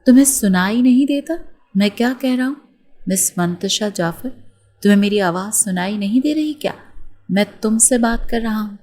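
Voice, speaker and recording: A woman's voice: mid-range voice, darkish tone, lightly acted. Storybook read-aloud: a woman putting on a cocky wealthy young man, mocking and menacing. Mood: commanding.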